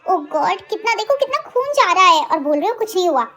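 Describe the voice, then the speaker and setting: A woman's voice: extremely high pitch, very animated, a little fast. A woman voicing a caring young woman who pleads and scolds in a dramatized story reading. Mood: scolding.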